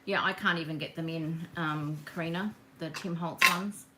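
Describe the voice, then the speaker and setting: A woman's voice: deep voice, fairly even intonation, normal speed, bright, forceful tone, slight background noise. Chatty woman demoing crafts. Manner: chatty, rambling, greets viewers by name. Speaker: craft demonstrator hosting a live session. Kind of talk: casual live craft demo chat. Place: home craft table. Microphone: camera on the work table.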